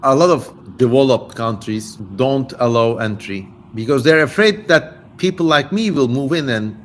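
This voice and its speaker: Speaking at a normal pace in an animated, mid-range voice, this Turkish-accented man from Turkey chats on a casual livestream and reads out viewers' comments with playful theatricality. A little hiss or hum can be heard.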